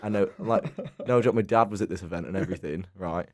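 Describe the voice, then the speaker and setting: A man's voice: low-pitched, quick pace, a little mellow. A man, co-hosting a casual podcast and telling self-mocking stories. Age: early 20s. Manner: self-mocking, laughs through his stories. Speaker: podcast co-host. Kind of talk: casual chat.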